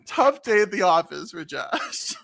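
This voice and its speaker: Co-host, bright tone, bouncy intonation, rambling casual recap. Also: medium pitch, very animated, a little slow, vocal fry. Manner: chatty, lots of "like" fillers. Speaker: podcast co-host.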